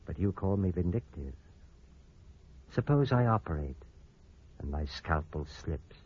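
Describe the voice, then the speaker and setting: A cold, calculating surgeon in an old radio drama, with a low, husky voice. His delivery is smooth and menacing, rising and falling with lively pitch. The sound is narrow and phone-thin, squeezed through an old AM radio broadcast. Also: measured pace, heavily acted. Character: cold, scheming male surgeon. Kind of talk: 1940s radio acting.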